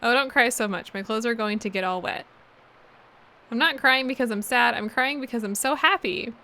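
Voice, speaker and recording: A woman's voice: fairly high pitch, normal speed, sharp tone. A woman putting on a doting old granny. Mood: tender. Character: doting old grandmother, tender and emotional.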